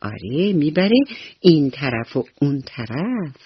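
A woman voicing a gentle, calm cloud in a children's radio story, who explains things patiently. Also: low-pitched, breathy edge, dry recording, heavily acted. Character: calm, boastful but honest cloud. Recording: slightly dull radio recording with soft music.

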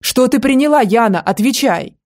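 A woman's voice: on the high side, animated, moderate pace, darkish tone, pitched above the performer's own voice. A woman reading an audiobook voices a jealous, harsh young man who speaks in a cold, commanding way. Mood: demanding.

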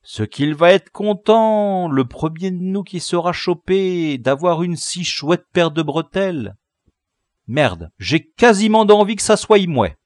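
A man doing a loud bossy village boy, the gang leader, yelling orders in a high pushed-up voice and mocking his prisoner, his tone swinging all over the place. It's a storybook reading recorded close and dry. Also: animated, takes it slowly, dry recording. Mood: jeering. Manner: loud, jeering, commanding.

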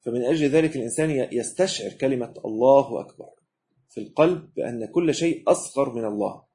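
Man, Egyptian Arabic accent, rapid delivery, mellow tone, religious lesson teacher who drills pronunciation and asks himself questions. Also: medium pitch. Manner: explains by example, asks and answers own questions, demonstrates pronunciation. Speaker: Islamic law teacher.

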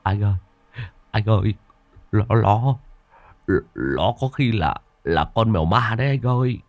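A man's voice: lowish voice, expressive, measured pace, dry recording, lo-fi sound. A man doing a stuttering, frightened young thug. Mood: terrified. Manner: stuttering, trembling. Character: stammering timid young male thug Đức.

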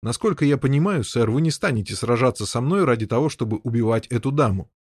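A noble knight speaks in measured, stern tones, as a man reads him. His voice sits at a middle pitch. The sound is dry, with no room. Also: lively intonation, a little mellow, husky, dry recording. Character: stern noble male knight, calm and firm.

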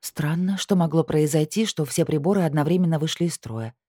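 A woman's voice: low voice, brisk, warm tone, no room sound, studio quality. A woman reading an audiobook, voicing a mild, reasonable adult daughter puzzling things out. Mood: reasoning.

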